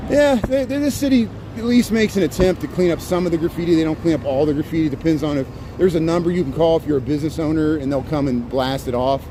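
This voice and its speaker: Holding his phone on a city street, an Indiana man in the American Midwest hosts a walking livestream full of rambling chatter and frequent laughter. He talks fast in a slightly high voice with hardly any pauses, traffic noise behind him.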